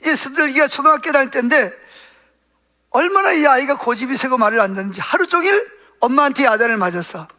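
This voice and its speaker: A male pastor preaches a sermon, posing questions to the congregation and answering them himself, and he acts out quoted prayers in a softer voice. His voice is very high and expressive, and he speaks at a quick pace.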